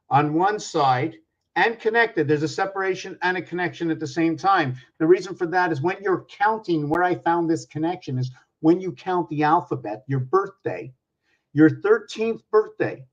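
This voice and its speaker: A man in his sixties who talks in a rather high voice, doing his arithmetic out loud and stopping to ask the listener questions. His explanation rambles from point to point. The recording sounds dull and lo-fi. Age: 60s. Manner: works through sums aloud, pointing at objects; asks questions of the viewer. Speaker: numerology speaker.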